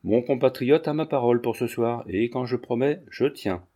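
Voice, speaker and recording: A man voicing a haughty foreign countess who speaks in a cool, measured, dismissive way. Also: medium pitch, mellow, close to an everyday voice.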